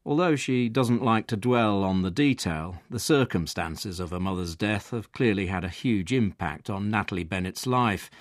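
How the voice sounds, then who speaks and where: A man reporter narrating a profile in scripted documentary style, measured and wry. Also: on the low side, no echo, clean studio sound.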